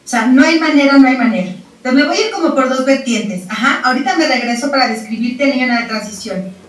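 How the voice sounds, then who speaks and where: High-voiced woman, animated and echoey. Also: quick pace. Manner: animated, repeats words for emphasis, acts out parents and children. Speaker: parenting expert guest. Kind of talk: explanatory chat. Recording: roomy sound from a distant mic.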